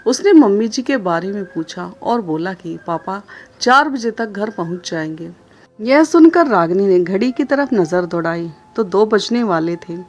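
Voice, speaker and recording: A woman narrating a family story in a calm, steady way. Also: mid-range voice, unhurried.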